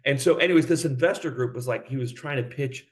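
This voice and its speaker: Animated man, company head on a business interview, mid pitch, lively. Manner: animated, fast, acts out quoted voices. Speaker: guest, company CEO.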